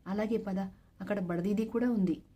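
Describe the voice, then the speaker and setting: A woman's voice: mid-range voice, steady tone, warm tone, slightly rough, lightly acted. A woman reading as a hesitant young husband. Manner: hesitant, halting. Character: troubled young zamindar husband, man.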